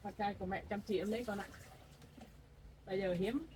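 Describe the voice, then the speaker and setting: An older woman talking as a grandmother, gently giving motherly advice and doting on the family in casual chat. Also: mid-range voice, steady tone, brisk, slight background noise. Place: rural home, indoors.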